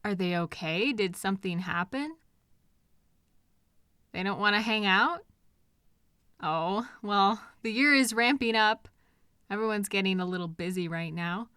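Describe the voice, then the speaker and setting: An audio roleplay performer with a smooth, medium-pitched voice plays a caring, gently indignant woman comforting her upset partner, speaking tenderly and expressively right to the listener. She sounds concerned and puzzled, using soft pauses and questions. The sound is clean studio quality from a close mic in a dry room with no echo.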